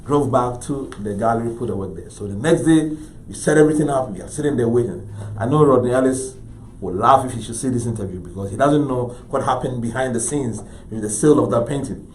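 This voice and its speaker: A middle-aged man from Ghana with a Ghanaian English accent, an artist telling anecdotes in an interview with animated delivery. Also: medium pitch, fairly quick, slight background noise. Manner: animated, acts out voices in his story. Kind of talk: anecdotal storytelling. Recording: roomy echo.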